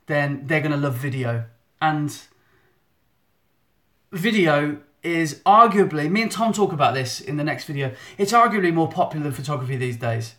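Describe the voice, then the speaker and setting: A chatty man answering viewers live into his phone, self-deprecating and quick to restart his sentences. His voice sits a little high for a man. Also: a bit bright. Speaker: photographer hosting a live stream. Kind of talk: live stream Q&A chat. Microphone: phone in selfie mode.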